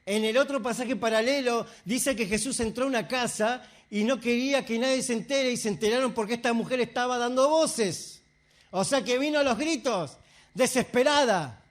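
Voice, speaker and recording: High-voiced impassioned preacher. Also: male voice, normal speed. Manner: impassioned preaching, swinging between soft asides and raised outbursts. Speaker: pastor. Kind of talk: sermon.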